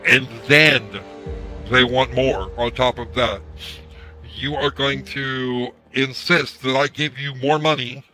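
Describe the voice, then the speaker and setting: A man's voice run through a voice changer that makes it sound bright and sharp, over faint music in the background. Underneath he is hoarse from screaming. He rants irritably to his stream on a headset, swearing and circling back over his own words. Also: medium pitch, fairly even intonation, slow. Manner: irritated, swears, repeats himself. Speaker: live streamer. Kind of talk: ranting livestream commentary.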